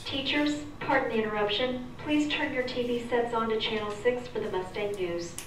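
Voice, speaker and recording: A woman making a polite, formal public address announcement over a school intercom loudspeaker. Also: fairly high pitch, normal speed. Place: classroom, heard through a wall speaker. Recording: distant echoey loudspeaker with room noise.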